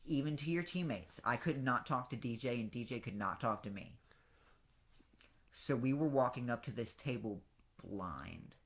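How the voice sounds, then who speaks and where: A man's voice: medium pitch, lively intonation, moderate pace, fairly bright tone. Chatty man explaining step by step. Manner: explains step by step, restarts often. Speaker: podcast co-host. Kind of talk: casual storytelling chat.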